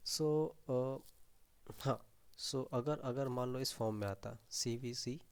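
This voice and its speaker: A man's voice: medium pitch, takes it slowly, clean tone. A man explaining a programming problem aloud, mixing Hindi and English with frequent fillers. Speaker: programming tutor. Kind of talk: screen-share coding explanation.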